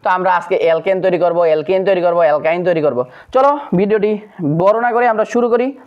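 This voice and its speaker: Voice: mid-range voice, brisk. Teacher drilling chemistry names. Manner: recites long lists of compound names in a steady drill, with frequent hesitations; addresses viewers as friends. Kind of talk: chemistry lesson for secondary students. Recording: dull lo-fi recording.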